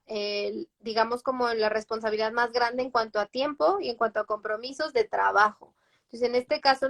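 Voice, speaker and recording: A woman's voice: fairly high pitch, a bit bright. A young adult woman, a psychologist guest on a live stream, explaining through personal examples and tag questions. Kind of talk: live-stream advice talk.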